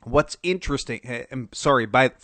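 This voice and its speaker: A man's voice: mid-range voice, moderate pace, a bit bright, no room sound. A man talks through a cold, his voice nasal and congested, rambling through casual sports commentary with frequent restarts and fillers. The recording is dry and close, with no room sound around him. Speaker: podcast host.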